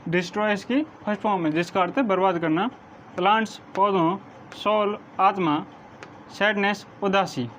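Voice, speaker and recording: A male teacher slowly dictating vocabulary meanings to his class, spelling some words out letter by letter. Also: high voice, a bit bright. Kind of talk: vocabulary lesson, reading word meanings. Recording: dull lo-fi sound with faint noise.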